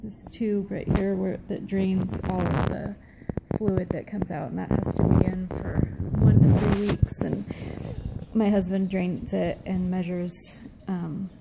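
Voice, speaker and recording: A middle-aged woman giving a casual update to camera, sounding tired, subdued and weak after surgery, with a gravelly, low-energy voice. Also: flat delivery, a little slow, very noisy. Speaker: vlogger. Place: small room at home, seated indoors. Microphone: phone at arm's length.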